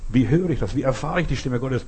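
A man preaching a sermon who talks to his listeners directly, swinging between emphatic bursts and slow, quiet lines. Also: medium pitch, animated, breathy edge. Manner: addresses listeners directly with "weißt du" and "verstehst du".

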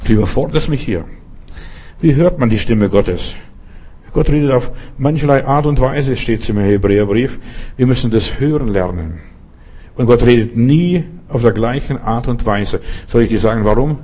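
A man's voice: mid-range voice, normal speed, warm tone, breathy edge. A man preaching a sermon in an earnest, direct way, speaking straight to each listener.

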